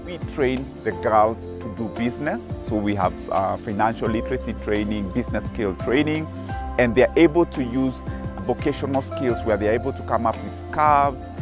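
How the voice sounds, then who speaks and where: A man's voice: mid-range voice, moderate pace. A man, the executive director of a charity, speaking earnestly and with emphasis in a documentary interview. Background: music.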